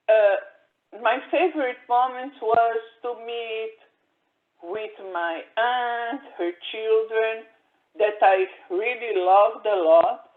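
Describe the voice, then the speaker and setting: Slow, halting older woman, tinny audio. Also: a little high. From Brazil. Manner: slow, halting, many fillers and restarts. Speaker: interviewee. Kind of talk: oral history interview.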